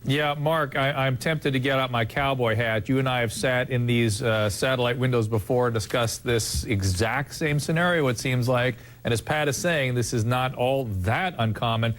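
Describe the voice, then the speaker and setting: A man hosting a televised panel discussion, earnest and halting, often restarting his sentences. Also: mid-range voice, a bit bright. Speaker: TV talk show host.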